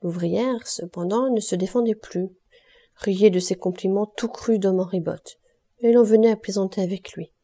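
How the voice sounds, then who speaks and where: Woman reading a novel out loud, calm and steady, warm mellow voice. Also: mid-range voice, normal speed, breathy edge. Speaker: audiobook reader. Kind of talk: scripted literary narration.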